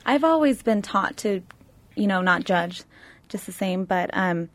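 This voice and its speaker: With a medium-pitched, expressive voice, an eighteen-year-old woman from Chile leads a youth panel in a studio. She takes her time, thinking matters through reflectively.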